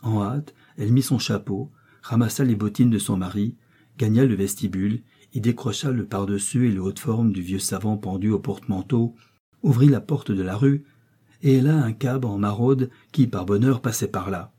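A man narrating a classic story as an audiobook, with a measured, expressive reading. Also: on the low side, slightly rough.

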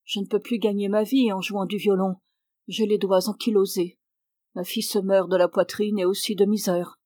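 A woman plays a broken old man who once lived by his violin, in a storybook reading. He pleads softly and sorrowfully, his voice at a middling pitch. The sound is dry and close. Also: flat delivery, normal speed, no echo, lightly acted. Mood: pleading. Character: poor old male street violinist, weary.

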